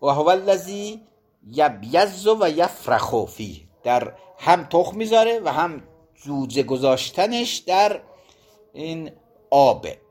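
A man's voice: a little high, big pitch swings, darkish tone. A man giving a religious studies lesson. He reads out Arabic legal phrases and explains each one in Persian.

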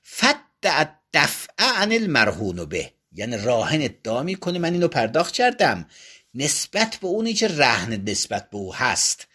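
A man's voice: medium pitch, fairly bright tone, breathy edge. A man teaching Islamic jurisprudence, reading lines of a classical Arabic text and explaining them in casual Persian, acting out both sides of each dispute. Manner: reads Arabic text aloud, then explains it in colloquial Persian.

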